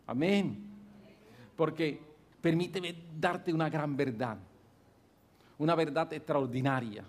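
A male pastor delivering a sermon to a congregation at a church service, swinging between quiet and loud and repeating phrases for stress. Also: on the high side, slow pace.

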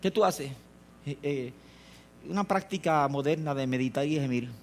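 A man preaching a sermon, telling stories with repeated phrases and swinging between loud passages and hushed ones. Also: on the high side, moderate pace, slight background noise.

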